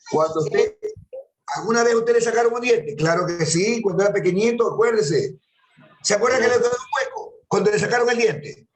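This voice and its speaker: Echoey male anatomy lecturer, high voice. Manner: patient, repeats terms, quizzes students. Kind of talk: classroom lecture.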